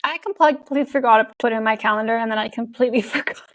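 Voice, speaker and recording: In a casual interview chat, a young Canadian content creator talks at a racing pace in a fairly high voice, the sound dry and close with no room sound. Chatty and quick to laugh, she fills her speech with likes and you knows, her Canadian English tinged with something international and European.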